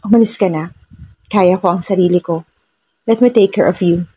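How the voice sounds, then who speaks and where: A woman voicing a gentle, concerned young husband who talks softly and slips into English. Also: high voice, moderate pace, breathy edge. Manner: soft, mixes English into speech.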